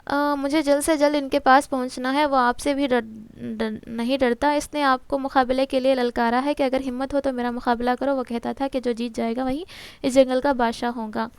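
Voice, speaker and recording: A woman's voice: high-pitched, flat delivery, clear, resonant tone, no room sound. A woman teacher walks through a textbook lesson, asking and answering her own questions and mixing in English terms. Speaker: exam-prep teacher.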